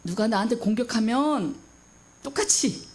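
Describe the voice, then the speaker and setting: Woman pastor, middle-aged, emphatic sermon, quizzes the congregation, fairly high voice. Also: lively intonation, moderate pace, darkish tone. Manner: emphatic, questions the congregation and acts out quoted voices.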